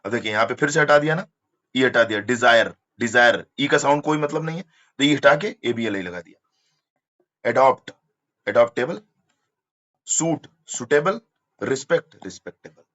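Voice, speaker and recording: A man explains English words step by step in an exam-prep lesson. He spells words out letter by letter and repeats key points. His voice sits at a middle pitch, and the recording sounds slightly dull and lo-fi. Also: animated, moderate pace, long pauses, a bit bright. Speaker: English teacher.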